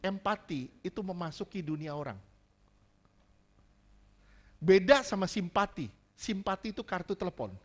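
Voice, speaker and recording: A man preaching a sermon as pastor, joking and animated. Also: sits high, moderate pace, long pauses.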